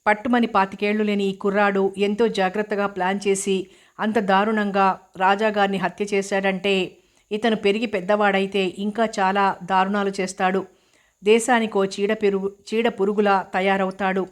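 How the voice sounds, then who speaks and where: A sharp, probing male prosecutor, read out by a woman narrator in a storybook reading. He presses his questions in an even, flat tone with a sarcastic edge. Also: medium pitch, moderate pace, lightly acted. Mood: accusing.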